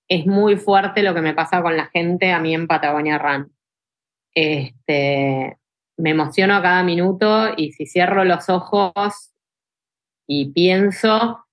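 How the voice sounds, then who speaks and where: With a fairly low voice and a Rioplatense Spanish accent, a young adult woman, an ultra trail runner, chats casually as a podcast guest. She recounts emotional stories, leaning often on fillers like "tipo" and "este".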